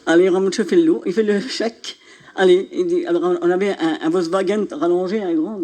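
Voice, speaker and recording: A woman's voice: on the low side, brisk. An older woman from northern France gives a spoken religious testimony and acts out the dialogue as she tells it. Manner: animated storyteller, acting out dialogue. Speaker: church testimony speaker.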